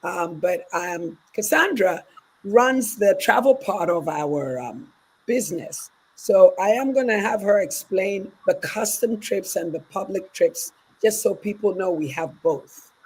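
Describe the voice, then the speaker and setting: A woman's voice: medium pitch, lively intonation, a little slow, darkish tone, breathy edge. A woman from Ghana, a guest founder chatting in a live-streamed interview, telling stories with many "you know" asides. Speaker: guest, fitness business founder. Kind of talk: casual interview chat. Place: live stream video call.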